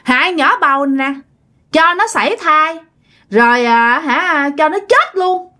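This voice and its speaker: Woman voicing a high, whiny young ghost girl. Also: expressive, measured pace, sharp tone, full character voice. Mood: scheming. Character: hungry wandering young female ghost possessing a grandmother.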